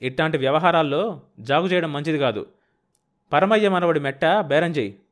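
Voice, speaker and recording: A man's voice: on the high side, lively intonation, moderate pace, voice pushed up, natural voice. A man voicing a shrewd, stubborn middle-aged village farmer who talks bluntly and pushes hard. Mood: insistent. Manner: blunt, pushy and insistent.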